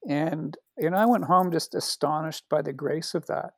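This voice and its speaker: A Canadian man speaking as a podcast guest, thoughtful and soft-spoken, telling stories with many restarts. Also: fairly high pitch, moderate pace, dry recording, studio quality. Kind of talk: reflective conversation.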